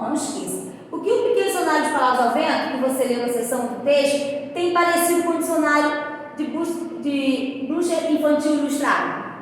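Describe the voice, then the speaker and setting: A Brazilian woman with a high voice teaches young pupils, pausing often to check that they follow. Her voice rings around a bare, echoey room with a long reverb tail and a faint hum behind it. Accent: Brazilian Portuguese. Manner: patient, checks in often with "tá bom?" and "ó". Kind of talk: guiding children through workbook exercises.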